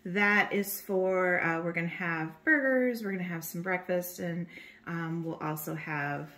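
A woman's voice: lowish voice, unhurried, fairly bright tone. A woman co-hosting a casual grocery haul in a home kitchen, chatty and filling in with lots of "um"s as she lists the items. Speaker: channel co-host.

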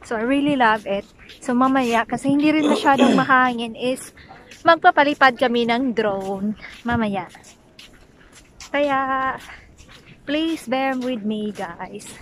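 This high-pitched, a bit bright voice belongs to a young Filipino vlogger, Bisaya-native, speaking hesitant, accented English at a measured pace with long pauses. She chats casually to a handheld selfie camera for her travel vlog, moving from a van to a sandy beach outdoors.

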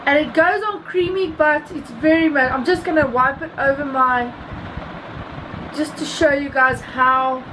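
A woman's voice: high-pitched, unhurried. A woman in her thirties with a South African accent, giving a rambling, casual product review as a beauty vlogger, often correcting herself. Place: small room indoors. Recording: clearly noisy home recording, ambient hum.

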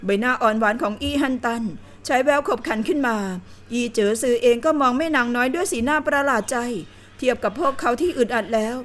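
A woman reading a period novel aloud in a steady storytelling manner. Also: on the high side, fast talker. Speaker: audiobook narrator. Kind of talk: scripted novel narration.

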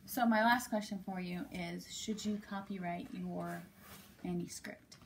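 A woman with a low, gravelly voice puts short questions to her co-host in a casual podcast chat. Clear background noise runs under her lines. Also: fairly even intonation, unhurried.

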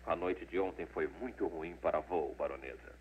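An actor dubbing a formal, polite airport manager in an old film, measured in speech. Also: male voice, sits low, natural voice. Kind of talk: 1940s Brazilian Portuguese film dub. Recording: tinny old film dub with hiss.

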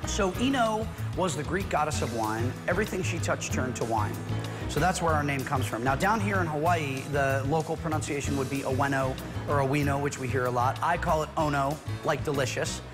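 A man's voice: a little high, fairly quick, music in the background. A middle-aged man, a winemaker, guiding a tasting in a friendly, explanatory way, recorded indoors in a winery on a lapel mic. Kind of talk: conversational product explanation.

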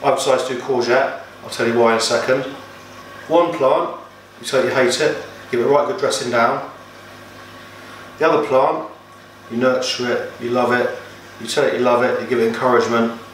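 A man's voice: mid-range voice, fairly even intonation, fairly quick, long pauses, fairly bright tone, roomy sound, a little hiss or hum. A man, explaining a gardening experiment step by step in a matter-of-fact way. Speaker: gardening vlogger. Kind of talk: casual how-to explanation. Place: small room indoors, then back garden.

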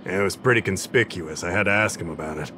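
An actor playing a friendly, somewhat scatterbrained official in a video game, casual and easygoing. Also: male voice, deep voice, fast talker, sharp tone, slight background noise. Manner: casual and easygoing, a bit forgetful. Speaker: game character.

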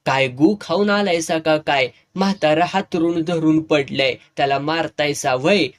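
A man's voice: a little high, measured pace, close to an everyday voice. A man voicing a fierce scolding village mother. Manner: scolding, bold.

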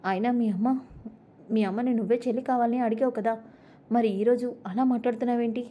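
A woman voicing a caring young father in a retold family serial, asking gentle questions. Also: a little high, fairly even intonation, a little fast, close to an everyday voice. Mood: concerned.

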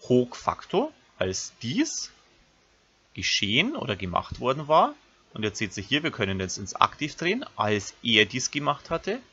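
A man's voice: mid-range voice, bright, forceful tone, husky, highs cut off. A man, a teacher giving a recorded grammar lesson, who explains step by step and speaks directly to his pupils. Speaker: Latin teacher.

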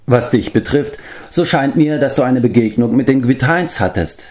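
A wise and grave old man who shelters the beasts of his valley, put on by a male reader. He talks in a measured, stately way, pitched high above the reader's own voice, and it rises even higher when he gives commands. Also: close to an everyday voice. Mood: kindly. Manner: measured, stately storybook speech.

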